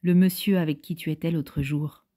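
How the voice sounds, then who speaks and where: A woman's voice: sits low, steady tone, normal speed, dark tone. A woman voicing a prying little girl. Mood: curious. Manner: prying, insistent questions. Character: curious, cheeky little girl.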